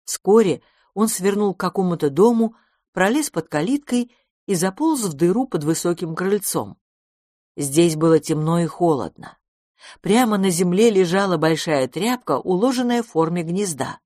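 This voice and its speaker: A children's audiobook narrator with a middle-pitched voice, telling the story calmly and evenly. The recording is close and dry, with no room sound. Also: normal speed, dry recording.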